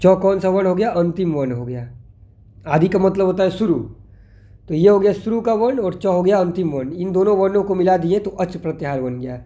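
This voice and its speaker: A male teacher talks through a grammar lesson in a high, mellow voice. He keeps asking the class questions and answering them himself. Now and then he slows down to spell out sounds one by one. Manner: explanatory, asks and answers own questions.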